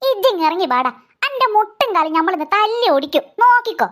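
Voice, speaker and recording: A woman's voice: very high voice, sing-song, brisk, fairly bright tone, heavily acted. A woman voicing a stern cartoon mother with a Malabar Malayalam accent who scolds and threatens. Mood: angry.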